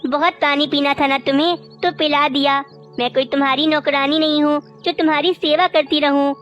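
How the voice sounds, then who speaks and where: A woman's voice: high-pitched, steady tone, moderate pace, a bit bright, muffled recording, faint music behind. A woman voicing a spoiled, scheming young wife crow who talks sharply and scornfully, in a cartoon. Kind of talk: cartoon voice acting.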